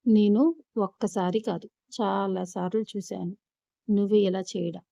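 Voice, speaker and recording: A woman's voice: mid-range voice, steady tone, measured pace, vocal fry, mellow, no room sound. A woman playing a protesting young brother. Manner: protesting, earnest.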